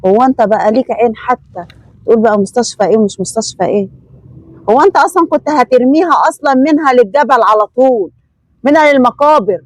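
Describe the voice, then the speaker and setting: A woman's voice: a little high, expressive, fast, dry recording, poor audio. An actress playing a brave young woman who scolds a cruel son, with an Egyptian accent and a firm, accusing manner.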